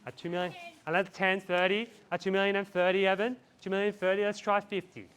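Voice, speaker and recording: A man's voice: high-pitched, little pitch movement, fast, a bit bright, clear, resonant tone. A man calling a live property auction outdoors, repeating bid figures in a chant and urging buyers on. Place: outdoors in a residential street.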